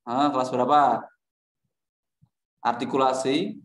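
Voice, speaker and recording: A man teaching a music lesson to a class, explaining things in a relaxed way and teasing his students with jokes. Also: mid-range voice, unhurried. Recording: echoey classroom.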